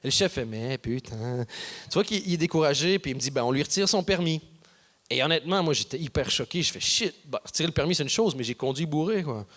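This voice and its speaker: A man performs stand-up comedy. His voice sits fairly high, and he jumps between voices to act out each person in his story. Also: fast. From Canada. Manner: animated, acts out characters with voices. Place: theater stage before an audience.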